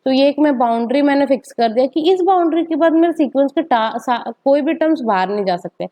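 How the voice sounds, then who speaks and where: A woman's voice: sits high, expressive, fairly quick, warm tone. A woman teacher gives a step-by-step maths lecture, often asking rhetorical questions and checking in with "okay".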